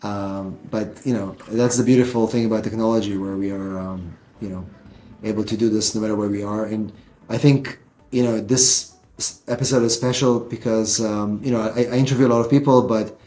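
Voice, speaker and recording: A man's voice: on the low side, fairly even intonation, brisk, mellow, reverberant. A man hosting a podcast interview from his home studio, talking casually with many fillers and restarts. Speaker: podcast host.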